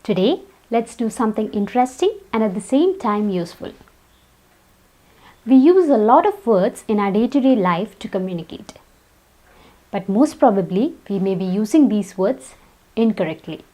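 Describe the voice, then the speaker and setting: A woman giving a scripted pronunciation lesson, saying each word slowly and deliberately and repeating it for contrast. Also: medium pitch, very animated, warm tone. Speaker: English pronunciation teacher.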